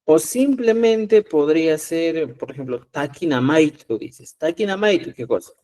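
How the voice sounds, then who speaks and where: Male teacher from Peru, patient and repetitive, slightly higher voice, live online class. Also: expressive, a little slow, mellow. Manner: patient, repeats "¿ya?" to check understanding. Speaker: Quechua teacher.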